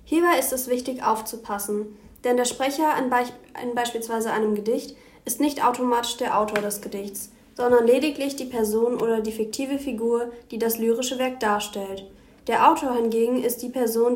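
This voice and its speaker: A woman with a fairly high voice reads a scripted school lesson. Her delivery is even and careful. The room around her gives the voice a clear echo. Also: normal speed. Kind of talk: scripted educational narration.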